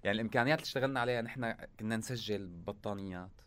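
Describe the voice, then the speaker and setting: A man with a low voice and a Syrian Arabic accent speaks as a musician being interviewed. He talks quickly and casually, telling things in short colloquial bursts. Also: a bit bright, smooth.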